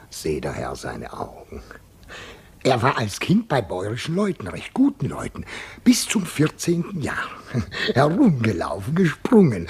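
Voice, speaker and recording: Playing a kindly, simple jailer in a German radio drama, a man uses a fairly low, gravelly, slightly rough voice in a heavily acted performance. The character coaxes and fusses, his colloquial talk shifting between quiet murmurs and exclamations.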